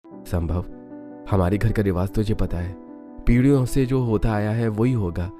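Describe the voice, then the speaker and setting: A man voicing a stern older brother in a cartoon story, speaking low, calm and firm. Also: normal speed, soft background music, natural voice. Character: older brother, stern keeper of family custom.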